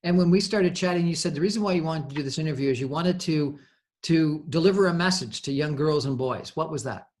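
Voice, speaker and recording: A radio show host leads a conversational interview, introducing and asking questions in a somewhat high-pitched, slightly mellow voice. His delivery is halting and hesitant.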